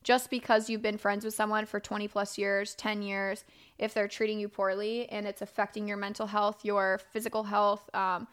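A woman's voice: mid-range voice, level tone, moderate pace, fairly bright tone, clean tone. Candid woman hosting a podcast. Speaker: podcast host. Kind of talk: casual, confessional podcast talk.

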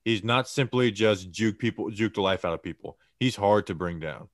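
A man co-hosting a casual sports podcast, talking fast and excitedly with lots of fillers and restarts. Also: fairly low pitch, no room sound, clean studio sound. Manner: excited, rambling with many fillers. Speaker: podcast co-host. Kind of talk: casual sports analysis chat.

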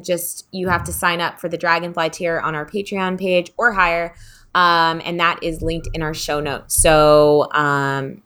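A woman's voice: on the low side, bright, forceful tone, clear, resonant tone. A woman co-hosting a podcast in casual chat, laid-back and giggly, with many fillers. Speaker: podcast co-host.

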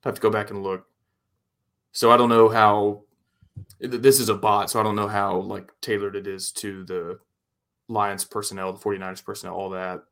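A man's voice: fairly low pitch, level tone, normal speed, gravelly, fairly bright tone. A man co-hosting a casual football show, giving blunt, opinionated analysis. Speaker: sports show co-host.

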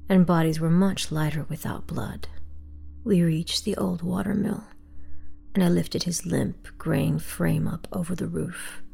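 Woman, horror story narrator, hushed whisper, very slow, gravelly. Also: lowish voice. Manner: hushed, breathy whispering delivery.

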